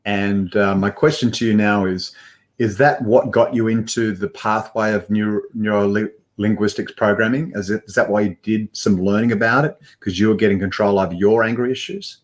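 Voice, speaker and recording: With a steady tone and a lowish voice at normal speed, this older man hosts a live interview over video call. The setting is an indoor studio with a banner behind him, captured by webcam as he wears headphones with a mic, and his upbeat presenter manner is full of fillers.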